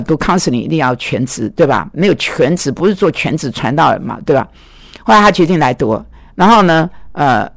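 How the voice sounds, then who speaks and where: A man teaching biblical counseling, telling anecdotes in an animated way and voicing quoted dialogue. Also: fairly high pitch, no echo, clean studio sound. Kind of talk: lecture with personal anecdotes.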